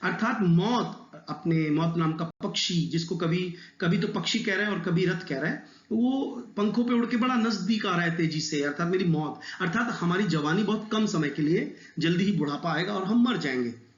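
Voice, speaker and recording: A man teaching English literature, explaining a poem in Hindi to students, mixing in English terms and reading lines of verse slowly. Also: high voice, reverberant, highs cut off. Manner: addresses students directly, explanatory.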